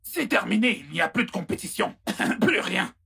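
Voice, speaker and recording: A man dubbing a menacing royal schemer who speaks in a threatening, insinuating way with a gravelly, husky voice. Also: high-pitched, sing-song, normal speed, bright, forceful tone, full character voice. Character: menacing royal schemer hinting at a rival's death. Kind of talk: French film dub.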